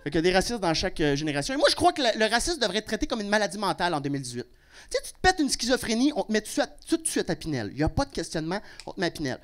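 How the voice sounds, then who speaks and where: A young Québécois man doing a stand-up comedy set. He is brash and profane and breaks into sudden loud outbursts. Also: sits high, very animated, racing. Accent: Québécois French. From Quebec. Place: comedy club stage with a live audience.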